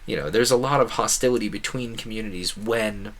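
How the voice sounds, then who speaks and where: On a rough recording, a man with a lowish, somewhat bright voice talks briskly while streaming a video game. His commentary is casual and rambling, and he often rephrases himself halfway through.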